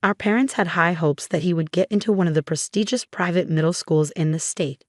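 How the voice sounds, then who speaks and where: A woman reading a scripted first-person story in a steady, even manner. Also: lowish voice, a little fast, no room sound, studio quality. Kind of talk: scripted narration.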